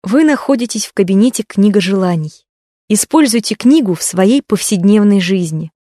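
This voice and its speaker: A woman reading automated phone menu prompts in a calm, even, measured way. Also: medium pitch, no room sound, studio quality.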